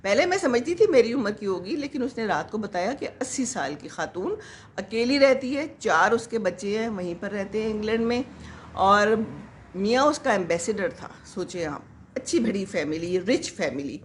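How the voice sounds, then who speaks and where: A woman's voice: medium pitch, lively intonation, slight background noise. A woman in her sixties, a vlogger who chats casually and rambles to her live viewers, with many fillers.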